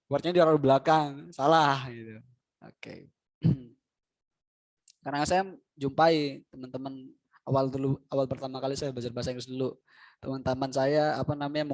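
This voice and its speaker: A man with an Indonesian accent teaching English question words in a casual video lesson, saying example sentences slowly and telling chatty stories. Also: mid-range voice, darkish tone, poor audio. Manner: slow, deliberate English examples, chatty anecdotes with laughs.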